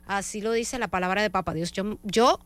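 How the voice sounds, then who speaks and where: A woman's voice: mid-range voice, normal speed, dry recording. Woman, Dominican Spanish accent, morning radio host, chatty, fillers and restarts, dry close studio sound. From Dominican Republic. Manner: warm and chatty, with fillers and self-corrections.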